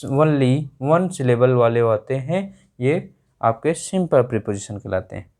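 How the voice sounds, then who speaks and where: A man's voice: medium pitch, animated, a little slow, darkish tone. A male explaining grammar in a classroom lesson, repeating each point back as a question to his students. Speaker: English teacher.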